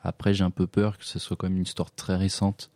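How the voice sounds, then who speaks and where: A man chatting casually about films, quick and hesitant with many fillers. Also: deep voice, completely flat delivery, dark tone, no echo. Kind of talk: casual film chat.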